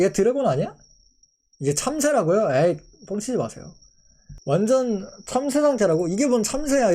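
A man's voice: sits high, dark tone. A young man in his twenties, a streamer chatting casually with his viewers, playful and mock-outraged.

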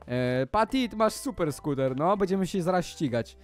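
A man giving let's-play commentary in a high voice that leaps all over the place. He is excitable and exclamatory, and he keeps turning to address his viewers directly. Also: normal speed, faint music behind. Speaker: gaming video host.

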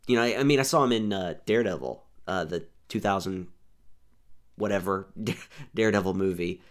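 A man's voice: low voice, moderate pace. Rambling young man hosting a podcast. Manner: rambling, restarts often, says "here's the thing". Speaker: podcast host. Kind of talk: casual chat.

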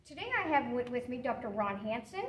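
A middle-aged woman hosts an interview in a plain, friendly and slightly halting way. Her voice is high. It is recorded from a slight distance in a roomy space with faint hiss. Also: expressive, fairly bright tone. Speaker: extension agent, interviewer. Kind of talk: hosting an interview. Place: small indoor studio room.

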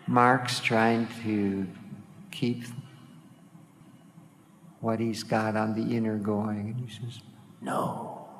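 A man giving a spiritual talk, telling a story in a gentle, unhurried way with small asides. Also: fairly low pitch, little pitch movement. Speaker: speaker at a spiritual expo. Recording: reverberant hall with faint background noise.

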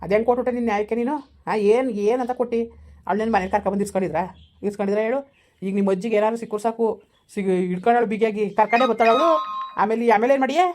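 A woman's voice: fairly high pitch, very fast, a little mellow, close to an everyday voice. A woman playing a blunt older village woman who scolds, in a village family drama. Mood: scolding.

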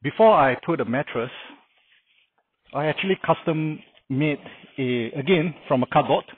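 A vlogger gives a tour of his car camping setup in an outdoor carport beside a house, sounding plain and instructive with frequent "uh" fillers. His fairly high voice is breathy and moves at normal speed. It's a casual how-to walkthrough, recorded dry with a narrow, phone-like sound.

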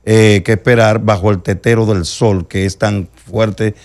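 A Dominican man hosting a talk show, running through news items in a conversational way with frequent pauses. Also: on the low side, fairly even intonation, darkish tone. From Dominican Republic. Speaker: show host.

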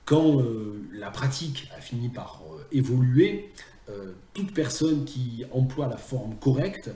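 A man's voice: mid-range voice, expressive, slow pace, mellow, echoey room. A man teaching translation in a recorded video lecture, chatty and self-mocking, often drifting into asides.

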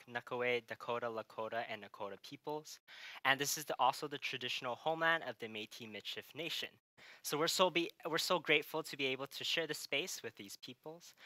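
A cheerful man co-hosts a playful science live stream, jokey and quick to laugh. His voice is bright and sits at a middle pitch, recorded dry. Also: no echo. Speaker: science show co-host.

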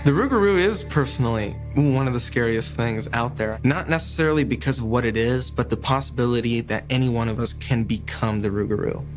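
A man's voice: mid-range voice, brisk, hardly any pauses, low-quality recording. A young adult man explaining things in a studio documentary interview. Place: indoor studio. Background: music.

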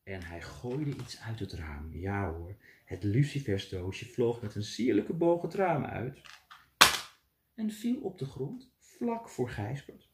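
A man, a teacher, reading a fairy tale aloud to children in a lively, playful way. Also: lowish voice, slow, background noise. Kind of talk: storybook read-aloud for children. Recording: echoey room.

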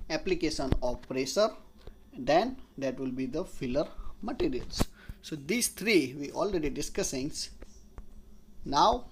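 A man's voice: a little high, background noise. A man, giving a slide lecture as an engineering tutor and explaining step by step while restating his points. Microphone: voice-over on slides.

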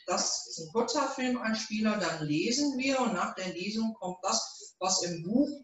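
A woman's voice: medium pitch, animated, normal speed. Chatty woman introducing a book reading. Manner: chatty, anecdotal, many fillers. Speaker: author and host of a reading. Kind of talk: casual event introduction. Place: small event room, indoors. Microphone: far camera. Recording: roomy echo, mic far off.

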